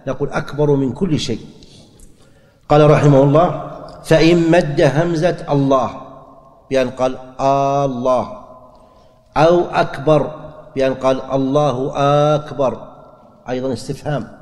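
A man's voice: mid-range voice, steady tone, normal speed, pauses often, a little mellow. A man teaching a lecture on religious rulings, explaining step by step, repeating key phrases and asking and answering his own questions. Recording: long hall reverb.

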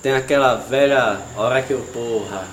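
A man, co-hosting a comedy podcast and telling stories in a slangy, animated way that gets loud and laughing at the peak. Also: medium pitch, normal speed. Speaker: podcast co-host. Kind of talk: comedic storytelling chat. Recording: echoey room with faint noise.

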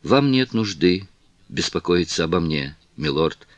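A man reading the lines of a distressed young noblewoman, with soft, halting pleas, in an audiobook. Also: sits low, expressive, no room sound, lo-fi sound. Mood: pleading.

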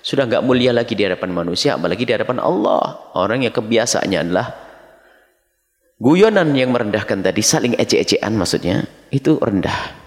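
A middle-aged male preacher gives a dawn sermon, reading short Arabic lines and then explaining each one. His voice rises and falls in wide, animated swings. The long reverb of a big hall trails after every phrase. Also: fairly low pitch, fairly quick. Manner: reads Arabic phrases then explains them, addresses listeners as his children. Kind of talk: dawn sermon teaching from a text.

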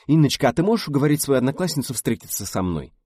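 A man's voice: mid-range voice, brisk, dry recording, studio quality, voice pushed up, lightly acted. A man voicing an older, sly and eager film director in an audiobook reading. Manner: lively, cunning, purring. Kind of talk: audiobook character voice.

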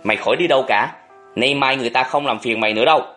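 A man's voice: medium pitch, racing, sharp tone, soft background music, lightly acted. A sullen young man mutters his resentment in grumbling, bitter lines, voiced plainly by a man reading a novel. He sounds weary and wounded.

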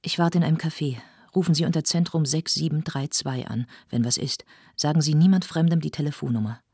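A woman reading a defiant young actress who answers back with pointed, indignant questions. Her voice is husky and breathy, and it sits close and dry on the mic. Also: low-pitched, a little fast, mellow, dry recording, pitched above the performer's own voice. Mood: hurried. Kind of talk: audiobook reading.

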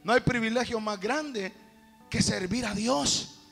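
A man preaching a sermon in a church, swinging from quiet asides to shouted praise. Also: extremely high pitch, measured pace, vocal fry, faint music behind.

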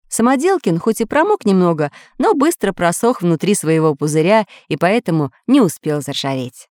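A woman reads a children's audiobook with an expressive storytelling manner. Her pitch is mid-range and she moves it around a lot. The recording is dry and close. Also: no echo. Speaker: narrator.

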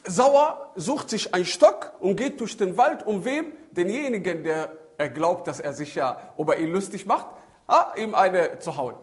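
Speaking unhurriedly in a high voice, a male Islamic preacher delivers a talk about child-rearing. He shifts his emphasis as he tells lively stories, sprinkling in Arabic religious expressions.

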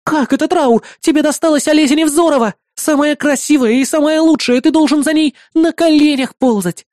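A reader voicing a bratty, loud young girl who scolds and shouts. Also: fairly quick, no room sound, clean studio sound, lightly acted. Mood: indignant scolding. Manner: shrill, shouting.

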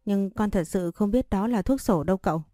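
A woman's voice: mid-range voice, brisk, warm tone, no echo, studio quality, natural voice. A woman reading a storybook voicing a frightened teenage servant girl who stammers and pleads. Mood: pleading.

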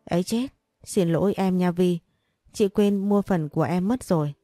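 A woman's voice: fairly low pitch, normal speed, mellow, no room sound, clean studio sound, soft background music, close to an everyday voice. A woman voicing a scheming young woman who fawns with false politeness in a storybook reading. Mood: sugary.

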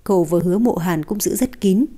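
A woman reading the part of a calm young mother who speaks softly and dryly, with a cutting edge. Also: lowish voice, close to an everyday voice. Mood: cool. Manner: soft, unhurried, dry.

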